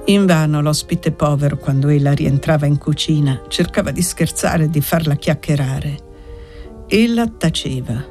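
A narrator reading a novel aloud in a measured, steady way. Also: mid-range voice, faint music behind. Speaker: audiobook narrator. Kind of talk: scripted narration.

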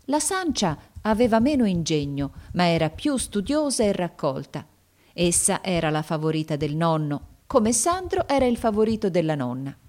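Narrator, woman, lowish voice, measured storybook reading. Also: a little mellow.

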